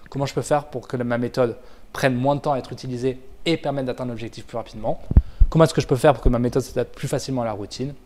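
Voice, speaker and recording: Male trainer, conversational explainer; loose delivery, frequent self-corrections, average pitch. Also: warm tone, a little hiss or hum. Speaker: business trainer. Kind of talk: casual explanatory lesson.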